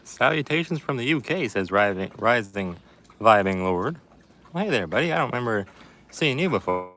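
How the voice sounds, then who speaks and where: A man's voice: on the low side, animated, normal speed, sharp tone. A man chatting casually as a livestream host and reading out viewer comments, putting on a folksy Appalachian hillbilly accent to disguise his voice. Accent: put-on Appalachian hillbilly. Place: outdoors in a backyard.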